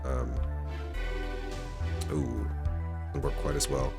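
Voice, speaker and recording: A man's voice: a bass voice, level tone, slow pace, vocal fry. A man streaming a game, chatting casually and offhandedly between lines of dialogue, with occasional swearing. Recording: game music playing behind.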